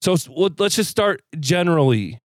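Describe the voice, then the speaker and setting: A man's voice: fairly high pitch, big pitch swings, dry recording. Wry male podcast host, dry sound. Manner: wry, measured, asks many questions. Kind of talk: casual podcast discussion.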